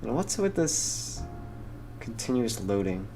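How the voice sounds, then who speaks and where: A man's voice: mid-range voice, sing-song, slow, music in the background. A young man co-hosting a casual podcast, easygoing and hesitant with many fillers. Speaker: podcast co-host. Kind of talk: casual chat.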